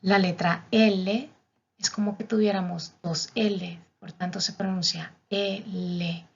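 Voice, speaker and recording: A woman's voice: medium pitch, steady tone, a little slow, vocal fry, breathy edge. A woman teaching a language lesson, carefully spelling out each letter and example word. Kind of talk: slow, methodical teaching. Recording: dull, lo-fi recording.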